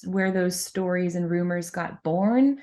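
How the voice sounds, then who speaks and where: A woman co-hosting a podcast, explaining events in a measured, reflective way with dry, wry asides. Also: fairly low pitch, mellow. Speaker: podcast co-host. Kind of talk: casual podcast chat.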